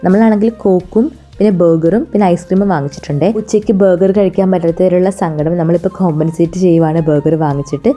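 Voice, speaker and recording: This is a travel vlogger's casual narration, in Malayalam with English words dropped in, spoken with a Malayali accent. The woman's voice sits on the low side, mellow and quick, over background music.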